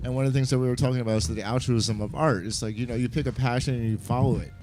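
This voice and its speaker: A man's voice: medium pitch, racing, darkish tone, slight background noise. A man hosting a casual interview, often repeating and restarting his words and laughing easily. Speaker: host.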